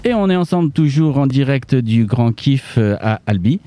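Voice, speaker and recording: A man's voice: medium pitch, animated, moderate pace, warm tone, no room sound, faint music behind. A man hosting a live radio interview, asking curious, chatty questions. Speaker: radio host.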